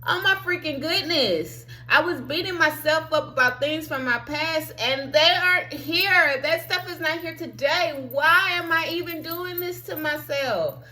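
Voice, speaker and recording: A spiritual life coach delivers a heartfelt, encouraging motivational monologue, speaking earnestly and directly to her listeners and sometimes dropping to a near whisper. Her voice is high, pushed and bright, unhurried, with hardly any pauses.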